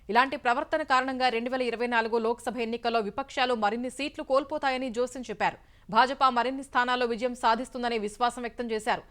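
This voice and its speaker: A woman news anchor reading the bulletin in a brisk, formal newsreader manner. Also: high-pitched, sharp tone.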